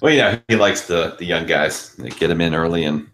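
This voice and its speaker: A man's voice: low-pitched, a little fast, a bit bright. A man co-hosting a casual podcast, rambling and hedging his opinions with lots of fillers. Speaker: co-host.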